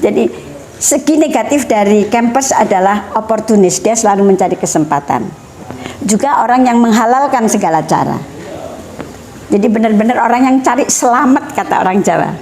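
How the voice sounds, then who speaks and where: A middle-aged woman talks through family matters in a measured, explanatory way. Her voice sits a little high. A faint hum of room noise lies under her speech. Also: a little mellow. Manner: measured, explanatory, mixing in Javanese phrases. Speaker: guest speaker on family education. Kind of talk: educational talk.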